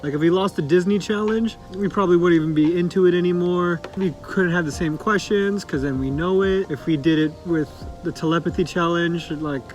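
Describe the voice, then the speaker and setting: A man's voice: sits high, brisk, few pauses, poor audio. A man co-hosting a vlog, talking casually in informal, conversational phrasing. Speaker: vlog co-host. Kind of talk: casual couple vlog chat. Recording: music behind speech.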